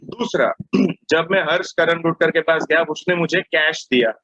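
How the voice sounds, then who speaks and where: A man's voice: a little high, moderate pace, fairly bright tone, no echo, lo-fi sound. A male commerce teacher with a Mumbai Hindi accent, lecturing a class, acting out a story, mixing in English and putting questions to his students.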